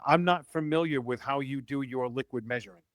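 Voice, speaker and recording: A man's voice: mid-range voice, a little fast, no echo. A man hosting a call-in show, talking practically and reassuringly in a casual chat. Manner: practical, reassuring, conversational with fillers. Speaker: host.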